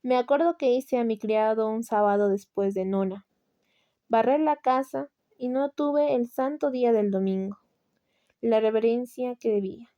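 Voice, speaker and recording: A woman's voice: a little high, moderate pace, warm tone, muffled recording, lightly acted. A woman with a Latin American Spanish accent voicing a dying male sinner who feigns tearful, humble piety in a storybook reading. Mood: pious. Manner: tearful, pleading, feigned humility. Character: dying male sinner, false pious penitent.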